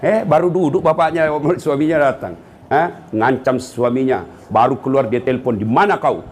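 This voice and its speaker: A man's voice: mid-range voice, normal speed. A middle-aged man, giving a comedic sermon and teasing the congregation by calling out to them. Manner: animated, teasing, calls out to the audience. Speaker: preacher.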